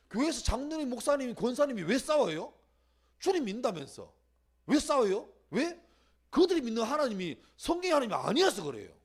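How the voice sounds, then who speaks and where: A middle-aged man preaching to teenagers at a church retreat, switching between hushed asides and loud acted-out prayers. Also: very high-pitched, breathy edge. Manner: animated, swings from hushed to shouting, acts out prayers. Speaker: youth pastor. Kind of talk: sermon. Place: church youth winter retreat.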